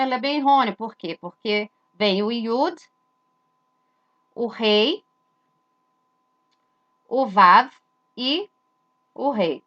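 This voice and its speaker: A woman's voice: fairly high pitch, fairly bright tone, highs cut off. A woman, giving an explanatory lesson that points at letters and poses rhetorical questions she answers herself. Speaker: religious teacher.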